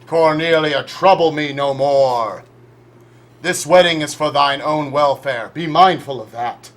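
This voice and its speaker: A man's voice: a little high, a little slow. A man playing a domineering old king who forbids his daughter's love, speaking in archaic stage language. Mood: commanding. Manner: archaic stage speech, commanding. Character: stern old King Leo, domineering father. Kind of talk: amateur stage skit.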